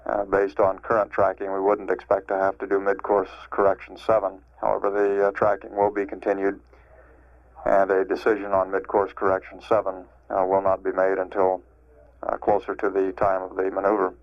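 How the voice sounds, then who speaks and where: A man giving live spaceflight status commentary as a mission control announcer, formal and halting, over an archival radio feed. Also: low voice, monotone, no room sound. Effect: archival broadcast radio sound. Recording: dull, band-limited archival radio feed.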